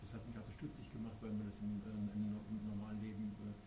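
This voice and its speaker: A fairly low-voiced man asks a question from the audience, pausing often and filling gaps as he searches for words. He speaks politely and formally. The room is echoey, and background noise is clearly audible. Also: completely flat delivery. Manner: hesitant, many filler sounds, formal address. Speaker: audience member asking a question.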